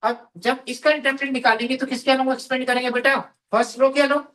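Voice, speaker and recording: A man's voice: very high-pitched, little pitch movement, fast talker, pushed and bright. A man teaching a math class to students. He repeats phrases and asks questions, then answers them himself. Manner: calls students "beta". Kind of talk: classroom lecture. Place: classroom with a board.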